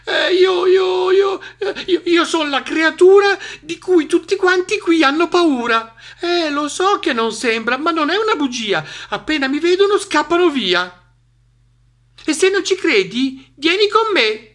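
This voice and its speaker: A man voicing a small, clever, boastful male mouse in a storybook reading, in a high squeaky voice. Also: wildly swooping pitch, fairly bright tone, full character voice. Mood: bragging. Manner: high squeaky, quick-witted, bragging.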